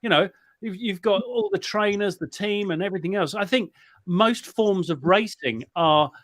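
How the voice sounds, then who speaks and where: A man with a high voice and a close, dry sound talks casually on a panel. He is hesitant, hedging and doubling back on his words. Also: moderate pace, a bit bright, no echo. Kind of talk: casual discussion.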